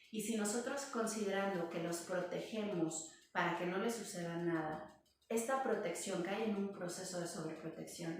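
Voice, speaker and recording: A woman's voice: mid-range voice, a little hiss or hum. A woman guest explaining in an interview, in an explanatory, storytelling manner. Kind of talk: interview talk. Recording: echoey room from far off.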